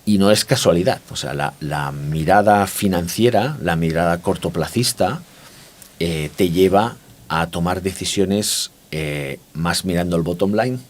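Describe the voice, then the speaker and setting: Unhurried and deep-voiced, the speaker is a consumer market specialist from Barcelona giving a conversational interview. He reflects on his views in a Spanish accent from Spain and regularly asks whether you agree.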